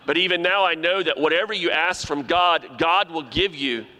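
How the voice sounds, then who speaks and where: A man's voice: a little high, normal speed, bright, forceful tone. A man delivering a sermon, emphatic and repeating key phrases for stress. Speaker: preacher. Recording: reverberant hall.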